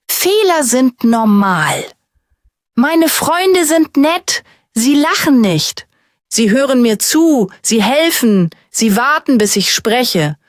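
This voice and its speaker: A woman narrates a simple story for language beginners, taking her time over each short sentence. Her pitch moves up and down in a lively way, and she speaks slowly and clearly. The recording is dry and close, with no room sound. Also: dry recording. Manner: slow, clear, simple first-person sentences. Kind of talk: slow scripted narration for beginners.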